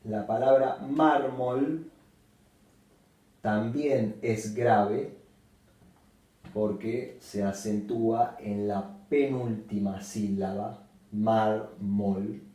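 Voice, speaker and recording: A man teaching a Spanish grammar lesson at a board, speaking slowly and deliberately and repeating each example word. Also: fairly low pitch, warm tone, distant mic. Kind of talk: slow whiteboard grammar lesson. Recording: very echoey room, voice from off the mic.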